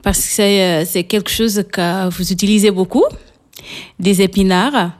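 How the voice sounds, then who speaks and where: Hesitant woman with a Portuguese accent. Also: medium pitch. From São Tomé and Príncipe. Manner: hesitant, many pauses and fillers. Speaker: guest cook. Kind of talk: radio interview.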